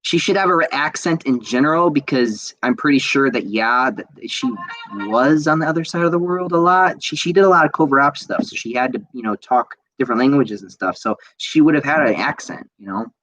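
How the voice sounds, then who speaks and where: A young man chats casually on his podcast, rambling with enthusiasm. He stumbles through fillers and restarts at an everyday middle pitch. The sound is dry, with no room around it. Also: lively intonation, a little fast, fairly bright tone, no room sound, low-quality recording. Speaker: podcast host reading viewer comments. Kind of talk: casual chat.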